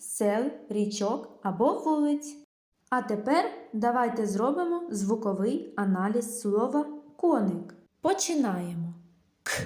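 Slow-spoken woman teaching young children. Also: on the high side, dark tone. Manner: slow and clear, stretching sounds and syllables. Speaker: kindergarten teacher. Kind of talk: slow, clear literacy lesson for preschoolers. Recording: echoey room.

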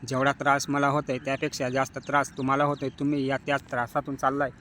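A man's voice: medium pitch, monotone, fast, a bit bright, a little hiss or hum, lightly acted. A man voicing a devoted young wife who pleads insistently with her husband. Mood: pleading.

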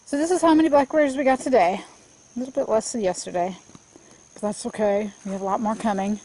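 A woman's voice: a little high, quick pace, mellow. A middle-aged woman with a congested throat, chatting casually as she films a walk through her sunny garden, thinking aloud with fillers and restarts. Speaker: homestead gardening vlogger. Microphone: handheld camera at arm's length.

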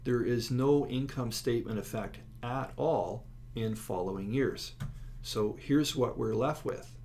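An accounting instructor delivers a lecture in a mid-range, slightly slow voice, walking through slides step by step and stressing key words. A clear, steady background noise runs under the recording.

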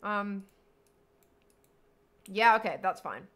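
A woman's voice: medium pitch, expressive, takes it slowly, fairly bright tone, clean tone. A woman streaming a block-building game, chatting casually and thinking aloud, now and then bursting into delighted squeals. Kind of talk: casual live-stream chat while building.

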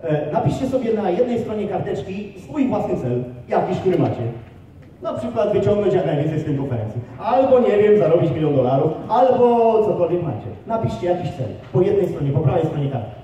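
Energetic male seminar speaker in an echoey hall. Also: high voice, dull audio, a little hiss or hum. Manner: energetic, rallying the crowd with quick questions. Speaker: motivational speaker. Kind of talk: live seminar talk to an audience. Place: large hall with an audience. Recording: echoey hall recorded from far off.

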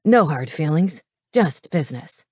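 A man's voice: on the high side, very animated, a little slow, darkish tone, slightly rough, no room sound, studio quality, pitched below the performer's own voice, exaggerated voice. A woman voicing a cold, scornful older male werewolf villain in an audiobook. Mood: scheming. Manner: sneering, cold. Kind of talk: audiobook character voice.

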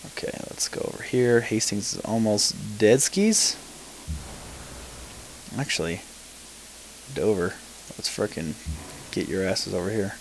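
A man's voice: lowish voice, animated, measured pace, long pauses, a little hiss or hum, poor audio. A man giving casual gameplay commentary, thinking aloud, mumbling and swearing now and then. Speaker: let's play gamer.

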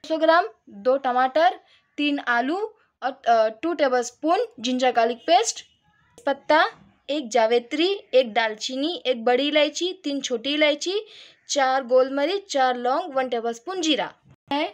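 A woman's voice: sits high, unhurried, rough recording. A woman hosting a home cooking video, chatting casually as she goes through the ingredients step by step in her kitchen. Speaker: cooking channel host.

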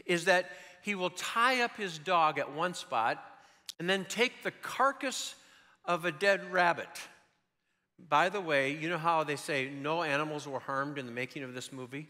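An older man preaching a sermon in a church, telling stories in an animated way with joking asides. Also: a little high. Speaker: pastor. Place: church sanctuary. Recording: long reverb of a large hall.

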